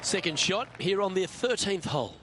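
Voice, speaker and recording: A man's voice: sits high, expressive, moderate pace. A man giving live play-by-play golf commentary as a tournament commentator. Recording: crowd and loud outdoor noise behind. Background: tournament crowd, outdoor ambience.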